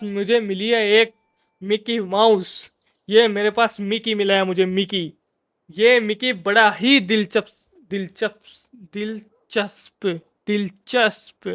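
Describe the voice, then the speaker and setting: A man's voice: very high voice, a bit bright, clean tone. A man giving casual, jokey commentary while playing a game, playfully scolding the characters on screen. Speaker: gamer.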